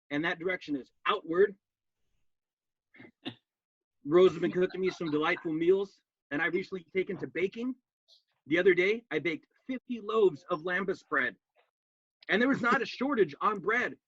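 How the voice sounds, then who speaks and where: A comedian playing a cheerful, earnest male hobbit gardener with a gravelly voice, chatting as if over a video call. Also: high-pitched, expressive, normal speed, fairly bright tone, dry recording, exaggerated voice. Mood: wry. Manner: earnest, folksy, talking to a friend on a video call. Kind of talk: cosplay stand-up character bit. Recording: dull lo-fi dry sound.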